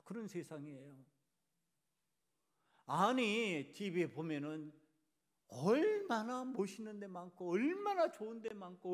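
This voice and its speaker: A male pastor delivering a Sunday sermon in a church sanctuary. His voice sits high and swings widely, rising to emphatic peaks and dropping low again. He keeps putting rhetorical questions to the congregation. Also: gravelly.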